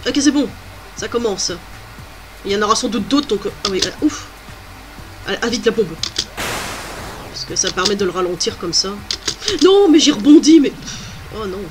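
A woman's voice: medium pitch, normal speed, pauses often, music in the background. A woman doing let's play commentary, chatty and exclamatory, thinking aloud as she plays. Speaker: gamer.

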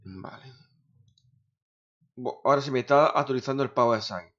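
Grumbling streamer, lo-fi sound. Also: male voice, mid-range voice, normal speed, a bit bright. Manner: grumbling, swears often, talks to himself. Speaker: gaming streamer. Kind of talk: casual streaming chatter. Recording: dull lo-fi sound.

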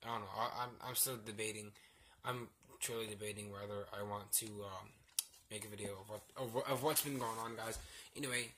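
His voice sits on the low side, fairly even in intonation, a little fast, and pushed and bright. This young man, a vlogger who works a theme park ride, chats casually but hesitantly and in a rambling, subdued way from his small bedroom while nursing a sore throat and a lip cold sore. A phone or laptop held at arm's length records it, with faint noise.

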